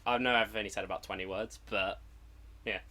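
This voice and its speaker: A laid-back man chatting on a podcast in a home garage. He keeps his remarks short and low-key, over a faint background hiss. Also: fairly even intonation, fairly quick, bright, forceful tone. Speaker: podcast guest co-host. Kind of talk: casual chat.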